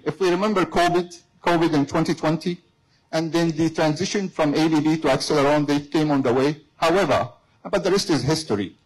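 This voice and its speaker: A man delivering a formal prepared speech as a company representative, with deliberate, halting phrasing and non-native grammar. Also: a little high, breathy edge, poor audio.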